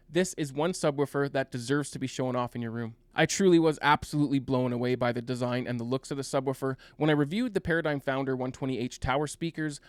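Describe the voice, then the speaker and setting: A man's voice: mid-range voice, no room sound. A young adult man, hosting his own tech review channel in scripted, enthusiastic narration. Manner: enthusiastic, gushing presenter.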